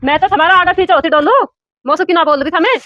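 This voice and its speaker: A woman's voice: very high-pitched, fast, no echo, dull audio. A woman with a Rajasthani accent playing a defensive daughter-in-law, bickering in a village comedy sketch.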